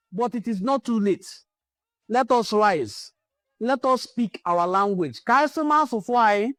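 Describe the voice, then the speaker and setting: Close and dry, this recording captures a Nigerian cultural channel host delivering a fervent cultural speech full of rousing, repetitive exhortations. She speaks in a slightly high, somewhat bright voice without any echo.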